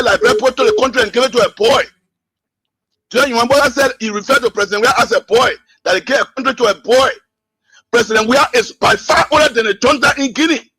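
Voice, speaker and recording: A man's voice: very high-pitched, sharp tone, breathy edge. A man from Liberia calling in to a radio talk show, arguing with rhetorical questions over a phone line. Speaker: caller. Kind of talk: call-in radio political commentary.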